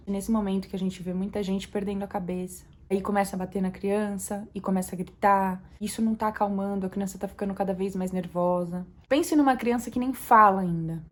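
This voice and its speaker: A young Brazilian mother with a Brazilian Portuguese accent, talking to camera in a calm, soft-spoken, reflective way that rises at times to earnest emphasis. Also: medium pitch. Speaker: mother vlogger.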